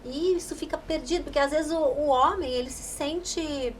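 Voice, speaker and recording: A woman hosting a podcast interview, asking emphatic, animated questions. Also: sits high, moderate pace, a little hiss or hum. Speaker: podcast host.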